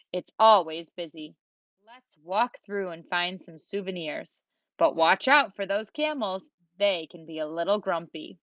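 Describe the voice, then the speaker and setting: A woman's voice: fairly low pitch, no room sound. A woman voicing Santa Claus as a jolly older man and kindly guide, explaining places cheerfully in a dull, dry, lo-fi recording. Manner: warm, explaining, gently cheerful.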